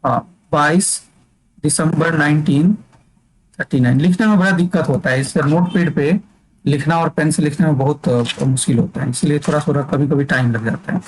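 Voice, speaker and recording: Man, teacher, exam-prep lecture, dictating notes, checks students follow, slightly high voice. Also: brisk, a little mellow, slight background noise, poor audio.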